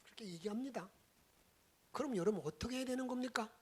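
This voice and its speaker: A woman's voice: on the high side, fast talker, slightly rough. A woman pastor giving a Sunday sermon, telling the story dramatically, acting out the lines and dropping into whispers.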